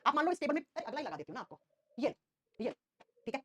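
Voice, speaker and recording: A woman teaching a live online class, coaxing her students and quizzing them with quick questions. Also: high voice, sing-song, sharp tone, no room sound.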